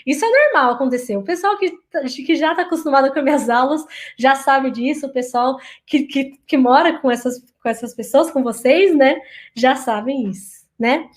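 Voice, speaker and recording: Woman, high voice, Japanese teacher, online lesson, lively, slow repeated phrases.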